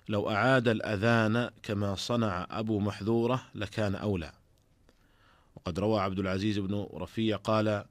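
A man, an Islamic scholar, teaching jurisprudence in a formal radio lesson, reading in a measured, deliberate way from a studio microphone. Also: on the low side, no room sound.

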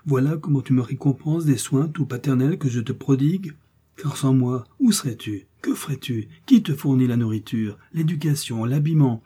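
A man's voice: mid-range voice, dark tone, slightly rough, natural voice. A man reading aloud and voicing a pompous, fussy village apothecary in an indignant rant. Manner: indignant ranting tirade, exclamatory.

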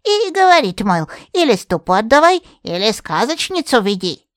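Женщина в роли ворчливой Бабы-яги. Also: female voice, a little high, sing-song, normal speed, no echo, studio quality. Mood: grumbling. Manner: rustic village granny speech. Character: grumpy old female forest witch, Baba Yaga. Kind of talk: audiobook character voice.

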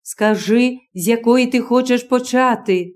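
A woman reading the part of a strange, moody young man in an audiobook, speaking slowly and drawn out. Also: fairly high pitch, close to an everyday voice. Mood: earnest.

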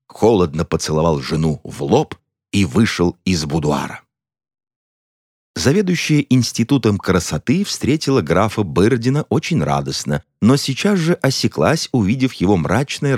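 Deep-voiced man narrating a comic tale. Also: moderate pace, no room sound, studio quality. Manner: expressive, mock-dramatic. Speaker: audiobook narrator. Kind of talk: scripted narration of a comic story.

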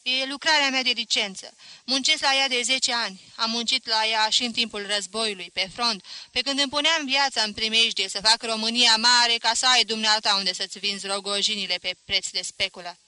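A proud, long-haired male professor of a storybook, declaiming loudly and refusing to back down, as a woman reader puts him on. His voice rings very bright and hard, close and dry. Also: a little high, steady tone, clear, resonant tone, no room sound, low-quality recording. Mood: indignant.

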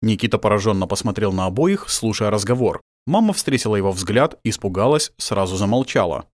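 A man narrating an audiobook in an expressive storytelling way. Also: on the low side, brisk, no room sound.

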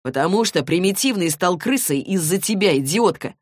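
A woman's voice: fairly low pitch, expressive, moderate pace, dry recording, clean studio sound. A woman voicing a sarcastic young man who mocks and sneers. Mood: mocking. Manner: mocking, sneering.

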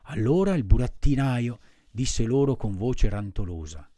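Lively, slow-reading male storyteller. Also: medium pitch, no echo, studio quality. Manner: expressive, measured storytelling. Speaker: audiobook reader. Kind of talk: classic children's novel narration.

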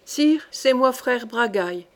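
A woman's voice: fairly high pitch, expressive, measured pace. A woman voicing a bragging man posing as a hermit monk, in an audiobook reading. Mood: boastful.

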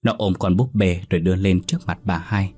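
A man narrating a horror story in a measured, dramatic way. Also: low voice, steady tone, darkish tone, faint music behind.

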